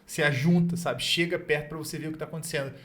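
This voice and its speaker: A man's voice: a little high, fairly even intonation, quick pace, fairly bright tone. A man hosting a casual interview, answering often with short affirmations. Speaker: podcast host.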